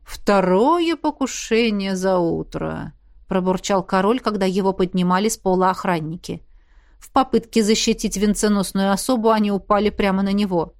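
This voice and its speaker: A woman's voice: mid-range voice, fairly even intonation, brisk, no room sound, natural voice. A woman voicing a wry, grumbling middle-aged male king in a storybook reading. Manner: dry, grumbling.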